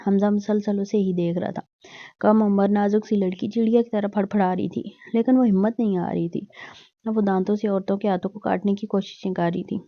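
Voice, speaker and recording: Woman narrating a novel, steady and dry. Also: mid-range voice, a little fast, dry recording. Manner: steady, even storytelling. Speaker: audiobook narrator. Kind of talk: novel reading. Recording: dull dry recording.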